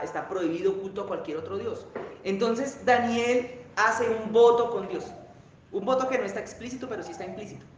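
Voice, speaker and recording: A male pastor preaching a sermon, telling a story with dramatic rises and drops in pitch and loudness, recorded in a church hall. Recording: very echoey church hall with faint noise.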